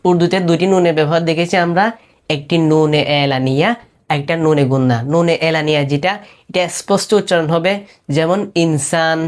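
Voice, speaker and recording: A woman teaches a beginner class in a low, steady voice. She goes through each term slowly and repeats it, often pausing to ask whether it is clear. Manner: patient, repeats terms slowly with frequent checks. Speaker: Urdu teacher. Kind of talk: step-by-step language lesson.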